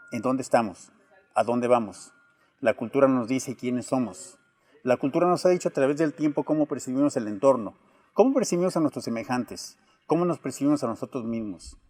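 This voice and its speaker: A man's voice: mid-range voice, dark tone. A man hosting a cultural program, introducing and questioning a guest formally and earnestly, with some hesitations. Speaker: interviewer, host.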